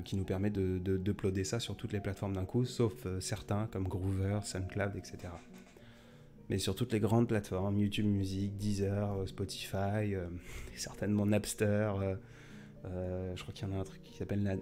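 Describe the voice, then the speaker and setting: A man with a fairly low voice hosts a casual late-night live stream. He rambles and restarts as he answers viewers. Faint music plays in the background. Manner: chatty, rambling, many fillers and restarts.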